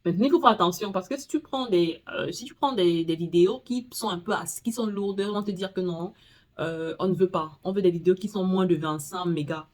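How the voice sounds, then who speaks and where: A woman's voice: lowish voice, a little mellow. Chatty woman walking through a tutorial. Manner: chatty, talks straight to the viewer; reads English screen text haltingly. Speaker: tutorial host. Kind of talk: casual screen-recording tutorial.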